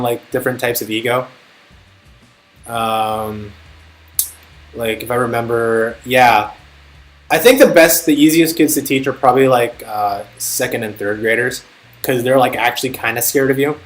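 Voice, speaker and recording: A man's voice: medium pitch, normal speed. Rambling, profane young man streaming. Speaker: streamer and tutor. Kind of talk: casual live-stream chat. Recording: faint music behind. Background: faint music.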